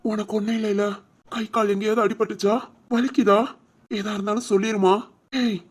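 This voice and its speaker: A woman's voice: mid-range voice, level tone, moderate pace, slightly rough, close to an everyday voice. A woman voicing a loving, anxious young husband and father in a cartoon family drama, talking in an emotional, protective way.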